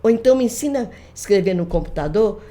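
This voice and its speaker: An older woman, a grandmother, chatting on a podcast and retelling family stories with lively quoted voices. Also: medium pitch, fast. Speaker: guest, folklorist. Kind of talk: casual storytelling conversation.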